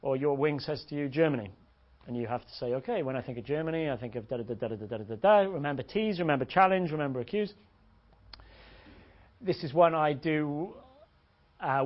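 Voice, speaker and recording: A man's voice: a little high, a little fast. A man giving a blunt, crude, joking seminar talk as a dating coach to a room of listeners. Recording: dull lo-fi audio.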